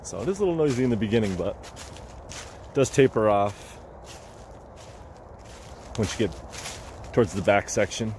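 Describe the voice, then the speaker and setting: A man's voice: animated, moderate pace, long pauses, a little mellow. A man vlogging as he hikes a wooded lakeside trail, talking easily to the camera he holds and often restarting his phrases. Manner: easygoing, chatty, repeats and restarts phrases. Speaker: hiking vlogger. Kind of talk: casual walking commentary to camera. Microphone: handheld camera or phone held by the walker. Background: faint highway traffic.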